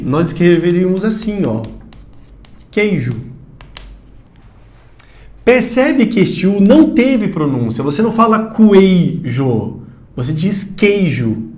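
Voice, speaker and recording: A man's voice: high voice, darkish tone. A man teaching a recorded grammar lesson, talking straight to the student and repeating the key points.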